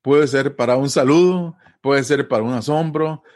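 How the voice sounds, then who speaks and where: A man from Costa Rica with a Costa Rican accent, explaining in a relaxed, patient way as an interview guest, often pausing with fillers and tag questions. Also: mid-range voice. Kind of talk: casual conversational explanation.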